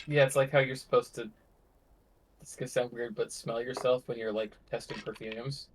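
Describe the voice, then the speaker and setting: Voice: medium pitch, normal speed, a little hiss or hum. A friend on a stream chatting casually, telling stories and laughing often. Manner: storytelling, animated, laughs often. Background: game music.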